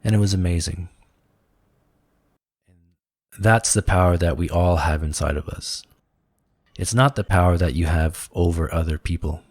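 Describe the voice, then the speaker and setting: A man's voice: low voice, normal speed, no echo. A man co-hosting a spiritual talk show, telling a personal story in an earnest, reflective way, with many fillers. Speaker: podcast co-host.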